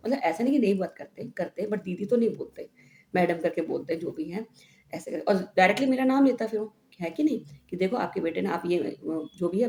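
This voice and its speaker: A chatty middle-aged woman from India talks straight to her viewers in a casual vlog, her voice mellow and warm. She keeps asking them "हैं?" and retells the call with a lively back-and-forth. The room gives a clear echo, with a faint hiss of noise behind her. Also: medium pitch. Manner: chatty, animated retelling with frequent "हैं?" tags. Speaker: vlogger. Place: home room.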